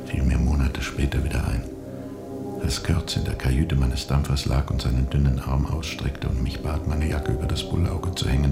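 In a radio drama, an actor with a rumbling low voice plays a world-weary steamboat captain who serves as both narrator and lead character. He recounts his journey gravely and reflectively, leaving heavy pauses.

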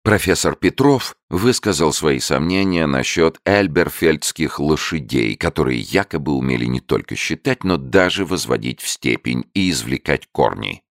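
Very deep, gravelly male narrator. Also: no echo, clean studio sound. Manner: measured, expressive reading. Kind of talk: audiobook narration.

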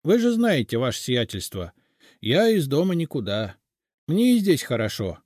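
A man's voice: mid-range voice, huge pitch swings, moderate pace, a little mellow, no echo, clean studio sound, voice pushed up. A man doing a shy little house spirit. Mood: earnest. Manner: mumbling, deferential. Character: small humble male house spirit, shy and eager. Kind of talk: audiobook character voicing.

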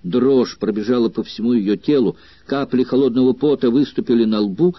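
A man narrating an audiobook of a historical novel with a steady, dramatic literary reading. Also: mid-range voice, normal speed, no echo, muffled recording. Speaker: audiobook reader. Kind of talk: scripted narration.

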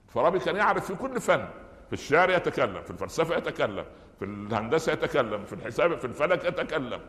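Egyptian preacher in an echoing hall. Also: male voice, medium pitch. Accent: Egyptian Arabic. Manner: animated storytelling, stressing key phrases, frequent restarts. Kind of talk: Friday sermon. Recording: echoey hall with long reverb.

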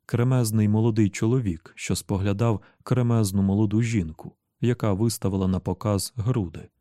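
A man narrating an audiobook in a steady, measured reading voice. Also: lowish voice, no echo, clean studio sound.

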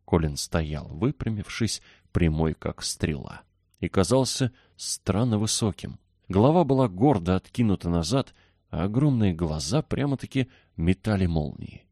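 A man narrating a children's novel as an audiobook, reading in a steady, expressive way. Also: low voice, normal speed, no room sound, studio quality. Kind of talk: scripted narration.

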